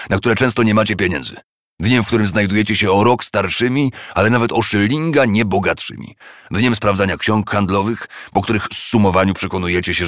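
A man's voice: sits low, a bit bright, dry recording, clean studio sound, pitched above the performer's own voice. A man voicing a miserly, grumpy old man who scolds and mocks in a harsh, scornful way.

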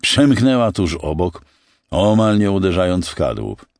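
A male narrator reading a science fiction audiobook with expressive storytelling. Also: deep voice, a little slow, no echo, studio quality.

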